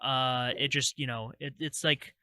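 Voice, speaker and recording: A man's voice: mid-range voice, fairly even intonation, unhurried, bright, forceful tone, clear, resonant tone, dry recording. A man co-hosting a casual podcast, stammering and restarting, laughing easily. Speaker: podcast co-host. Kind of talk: casual chat.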